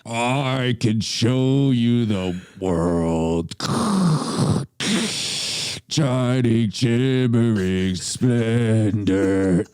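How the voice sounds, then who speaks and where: A man putting on a deep-voiced masked space villain and crooning a ballad slowly and heavily. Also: fairly even intonation, mellow, clean tone, no room sound, studio quality. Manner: slow, heavy crooning of a ballad.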